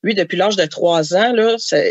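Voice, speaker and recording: A woman, a guest being interviewed, talking casually and often pausing to search for words. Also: mid-range voice, dry recording, highs cut off. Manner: searching for words, hesitant restarts. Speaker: guest author.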